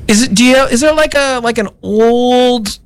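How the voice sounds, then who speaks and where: A radio show host chatting casually, with a halting, playful way of prompting a co-host. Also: medium pitch, smooth.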